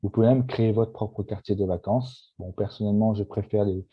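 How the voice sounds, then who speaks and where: A man's voice: lowish voice, steady tone, fairly quick, slightly rough. A shy, nervous man talking through a video game on screen, with many fillers and restarts. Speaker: gameplay video maker. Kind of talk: casual game walkthrough. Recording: dull lo-fi sound.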